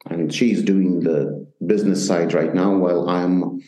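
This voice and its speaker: A middle-aged man with a Ukrainian accent, speaking haltingly and matter-of-factly as a guest in a remote interview from a shelter. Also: low-pitched, flat delivery, dark tone. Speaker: interview guest, soldier and communications manager. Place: bomb shelter. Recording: roomy, echoing remote connection.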